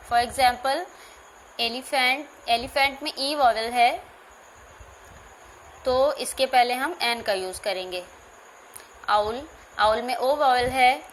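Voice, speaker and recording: A woman teacher explains English grammar in a slow classroom manner, spelling out words and repeating them. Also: on the high side, a little hiss or hum. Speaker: school teacher.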